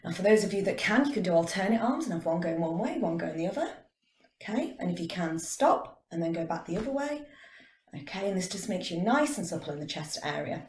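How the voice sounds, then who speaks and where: Drama teacher lady talking a class through breathing drills, lowish voice, kind of echoey room. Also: fairly quick, a little hiss or hum. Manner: calm, counting out breathing exercises. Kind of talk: guided vocal warm-up lesson.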